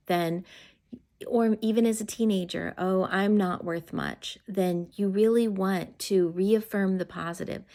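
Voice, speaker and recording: A woman gives homeschooling advice in a casual talk to camera, in a pitch that sits in the middle of the range. Her tone is gentle and earnest. When she acts out praise to a child, it lifts into a bright sing-song. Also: vocal fry.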